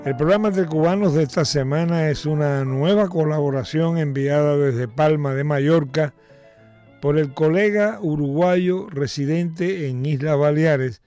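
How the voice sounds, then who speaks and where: A male radio presenter reading a formal, measured scripted introduction. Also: a little high, dark tone, faint music behind.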